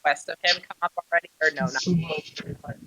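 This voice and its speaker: A woman's voice: deep voice, fairly even intonation, normal speed, sharp tone. A woman in a book club chatting on a video call, her audio breaking up and cutting out as she rambles. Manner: rambling, fills with "like", acts out little quoted voices. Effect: choppy audio that cuts out over an online call. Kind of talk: casual chat on a group video call.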